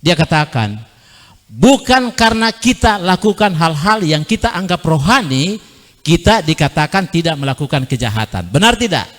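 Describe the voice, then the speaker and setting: A male pastor, preaching an animated sermon, acting out dialogue and asking the congregation rhetorical questions. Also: on the high side, moderate pace, in a large hall.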